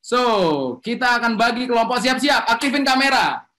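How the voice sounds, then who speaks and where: A man running an online webinar as a communication trainer, lively and coaxing the audience to answer, speaking through a video-call mic. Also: very high-pitched, normal speed. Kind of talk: energetic online webinar presentation.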